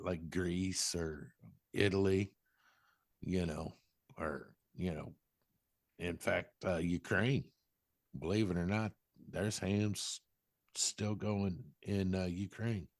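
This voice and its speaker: A man co-hosting a podcast in casual chat, talking haltingly with many restarts. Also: low voice, no echo, clean studio sound. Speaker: podcast co-host.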